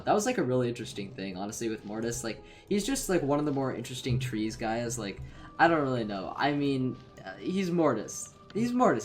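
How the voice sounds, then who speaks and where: A man giving a casual, rambling game-ranking commentary, full of fillers and swearing, in a playful tone. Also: mid-range voice. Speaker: gaming YouTuber.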